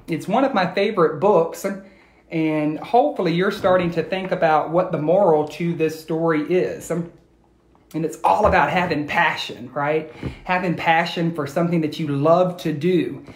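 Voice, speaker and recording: Reading aloud expressively to young listeners, a middle-aged educator speaks to them directly and with encouragement. His voice is a little high, at normal speed. The setting is an indoor room at home, recorded on a phone video with echo.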